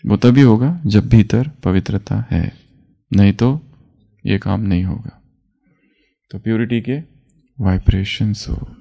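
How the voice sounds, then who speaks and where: A man's voice: lowish voice, slow pace, vocal fry, long pauses, mellow. Man giving a spiritual class, quizzing listeners. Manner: asks the listeners questions and answers them himself; chuckles often while explaining. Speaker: spiritual teacher.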